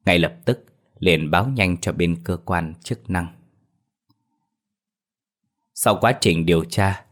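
A man narrating a horror story as storyteller in a slow, dramatic telling. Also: low-pitched.

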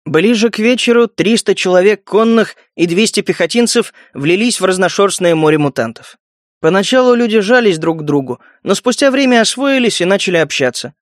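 A man reading a fantasy novel aloud as narrator, in a steady, even manner. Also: high voice, a little fast, no echo, studio quality. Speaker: audiobook narrator. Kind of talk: scripted narration.

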